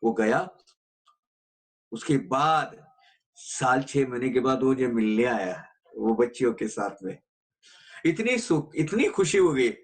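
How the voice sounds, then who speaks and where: A man's voice: medium pitch, expressive, takes it slowly, long pauses. A man giving an earnest devotional discourse, explaining scripture and telling stories, mixing in English phrases.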